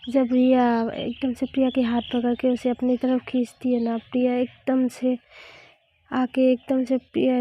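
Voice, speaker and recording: A woman's voice: a little high, dark tone. A woman narrating a romance story in a plain storytelling manner, sometimes stumbling over which character is speaking.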